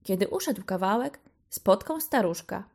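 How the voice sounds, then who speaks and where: A woman narrating a children's fairy tale. Her delivery is slow and gentle, with a mid-range voice and an easy storybook cadence. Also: mid-range voice, lively intonation, creaky, husky.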